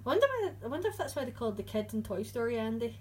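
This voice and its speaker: A chatty woman co-hosts a casual chat, her voice a little high and slightly breathy. She keeps talking and often hunts for the right word. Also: sing-song, rapid-fire, poor audio. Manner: chatty, laughs often, loses her words. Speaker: podcast co-host. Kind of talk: casual chat about horror movies.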